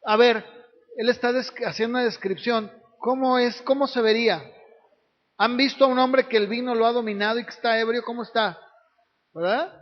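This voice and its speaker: A man's voice: extremely high pitch, steady tone, moderate pace. A man preaching a sermon as pastor, often tagging his points with rhetorical questions to the congregation. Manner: preaches with frequent rhetorical tag questions, acting out voices of others. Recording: reverberant hall, dull lo-fi sound.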